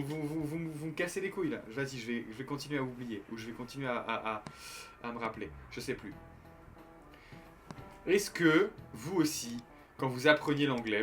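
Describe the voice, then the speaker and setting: Bright-voiced young streamer joking with chat. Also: male voice, medium pitch. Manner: joking, rambling, stumbling restarts. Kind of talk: casual gameplay commentary to chat. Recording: light game music behind.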